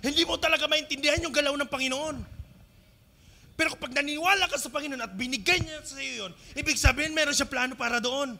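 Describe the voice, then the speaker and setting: A Filipino man preaches a sermon in a high, bright voice. He keeps asking his congregation questions and mixes English phrases into his preaching. He swings between loud, emphatic lines and quiet, low asides. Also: fast talker, vocal fry. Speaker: pastor.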